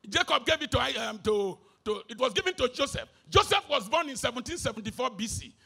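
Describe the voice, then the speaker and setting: A Nigerian man preaching with a very high, bright, sharp voice and a gravelly edge. His delivery leaps from shouts to low mutters, with pidgin mixed in. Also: sing-song, brisk, soft background music. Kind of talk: sermon. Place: live concert stage.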